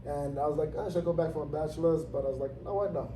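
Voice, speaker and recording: Man, thirties, from Zambia, interviewee, relaxed, fillers, distant mic, echoey. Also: a little high, rapid-fire. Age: 30s. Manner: relaxed, laughing, lots of fillers. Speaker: interviewee, gym owner. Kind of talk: casual interview. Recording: roomy, distant, noisy ambience.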